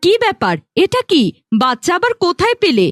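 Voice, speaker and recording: Woman playing a scolding cartoon mother, high voice, lively swings, quarrelsome. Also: a little fast, no echo, faint music behind, exaggerated voice. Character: sharp-tongued village mother, middle-aged. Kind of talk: cartoon voice acting.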